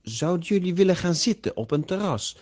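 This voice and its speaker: A man voicing an eager, polite young Italian man, speaking slowly and carefully. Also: sits high, animated, darkish tone, voice pushed up. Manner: slow, carefully pronounced.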